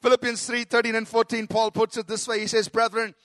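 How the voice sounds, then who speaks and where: Man, pastor, sermon, very high-pitched voice, emphatic, calls for amen. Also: little pitch movement, brisk, fairly bright tone.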